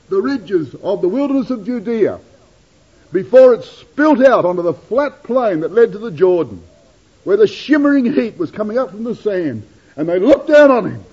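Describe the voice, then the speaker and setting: A man delivers a sermon in a high, animated, husky voice that swoops and climbs through every phrase, with big dramatic rises and drops in both pitch and volume. He calls his listeners brethren and sisters, and the recording is dull and lo-fi.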